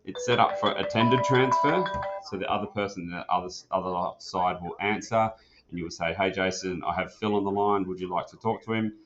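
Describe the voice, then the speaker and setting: Music plays in the background as a deep-voiced man speaks fairly quickly. He gives an informal, practical tutorial on an office phone system, plain-spoken and casual, guiding a learner step by step, in a dull, muffled lo-fi recording.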